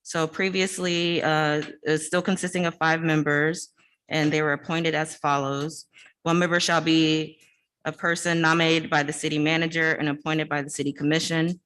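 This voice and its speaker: A woman's voice: low-pitched, level tone, normal speed, a bit bright, clear, resonant tone. A woman board member at a public meeting, reading aloud, her voice muffled as if heard through a wall.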